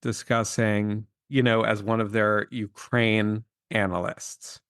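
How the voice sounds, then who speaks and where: A man's voice: fairly low pitch, little pitch movement, slow, a bit bright, smooth, dry recording. A man co-hosting a chatty podcast, dry and wry, rambling his way through his points. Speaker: podcast co-host. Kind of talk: casual chat.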